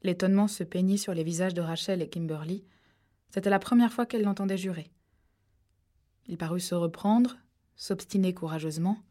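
A woman reading a suspense novel aloud, steady and measured. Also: on the low side. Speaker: audiobook narrator. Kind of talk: scripted narration.

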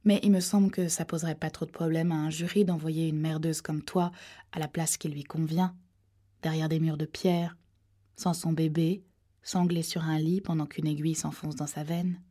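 A woman's voice: deep voice, steady tone, normal speed, mellow. A woman reading an audiobook voices a cruel, domineering man who taunts with contempt. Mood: taunting. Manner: sneering, contemptuous.

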